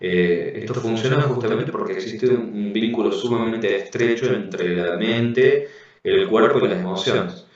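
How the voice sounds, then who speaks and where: A man with a Rioplatense Spanish accent giving an online class, explaining calmly and often checking in with tag questions, heard over a video call. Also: fairly low pitch, unhurried. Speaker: instructor. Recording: very echoey, dull lo-fi audio.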